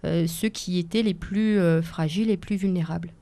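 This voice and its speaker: A woman in her forties from Seine-et-Marne, France, a native Italian speaker, answers interview questions as a lawyer guest on the radio. She's hesitant, using many fillers and careful phrasing. Her lowish voice is warm and steady at a moderate pace, with no echo.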